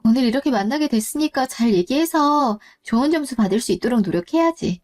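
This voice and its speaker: Woman doing a timid young woman, stammering, polite, fairly high voice, story drama. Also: lively intonation, a little fast, darkish tone, faint music behind, natural voice. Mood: modest. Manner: shy, stammering. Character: nervous young woman meeting her future mother-in-law.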